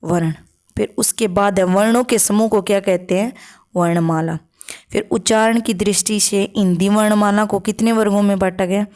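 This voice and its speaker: A woman teaching an exam-prep grammar lesson, asking questions aloud and answering them herself, often checking in with a quick "okay". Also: mid-range voice, fairly even intonation, a little mellow. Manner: checks in with frequent "okay" tags.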